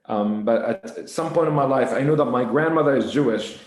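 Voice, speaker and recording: A man from Kuwait, a guest speaker, answering interview questions over a video call in a halting way with lots of fillers. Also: mid-range voice, reverberant, rough recording.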